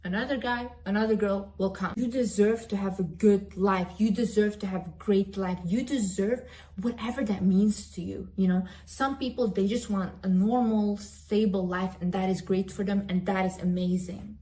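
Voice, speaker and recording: A woman's voice: medium pitch, fairly even intonation, normal speed, dark tone. A young woman giving an emphatic, direct-to-camera motivational pep talk, repeating phrases for emphasis. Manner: talks about herself in the third person. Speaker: motivational vlogger.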